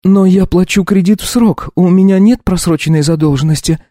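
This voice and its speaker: A man's voice: high voice, a little fast, warm tone, no echo, studio quality, pitched above the performer's own voice, lightly acted. A man putting on a scared pleading young woman. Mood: timid. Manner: pleading, tearful, breathless. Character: frightened young woman borrower. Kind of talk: audiobook reading.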